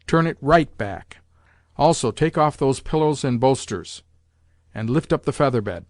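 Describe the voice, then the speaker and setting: A man's voice: medium pitch, expressive, unhurried, a little mellow, no room sound, clean studio sound, close to an everyday voice. A man reading a novel aloud, voicing an imperious old grandmother who bluntly scolds and gives orders. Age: older. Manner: commanding and blunt, hurling insults. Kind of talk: audiobook character voice.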